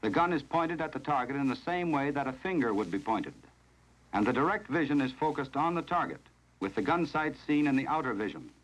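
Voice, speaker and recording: An American man reads scripted narration in the formal, measured, instructional style of a 1970s training film, heard on a vintage film soundtrack. His mid-range voice is expressive, and the audio quality is poor.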